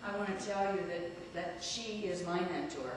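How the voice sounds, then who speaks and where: A woman in her fifties, a community speaker, introduces a guest in an earnest, rambling public speech thick with fillers and restarts. Her voice is fairly low and her speed normal. The hall is echoey and noisy, and she is far from the mic.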